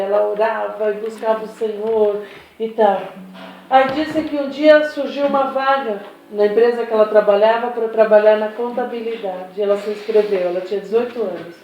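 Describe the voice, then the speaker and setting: High-voiced woman pastor preaching in echoey hall. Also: dull audio. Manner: animated storytelling, acting out dialogue. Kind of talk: sermon. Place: church hall. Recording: echoey hall from far off with faint music.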